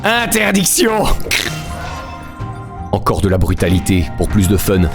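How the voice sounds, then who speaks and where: This streamer talks fairly quickly in a low, flat voice while game music plays. His live commentary is casual, full of jokes with viewers and frequent laughter.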